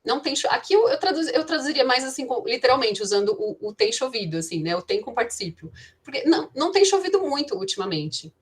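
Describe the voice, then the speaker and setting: A woman's voice: high voice, very animated, fast. A woman teaching English grammar in an online class, thinking aloud with frequent restarts and "né".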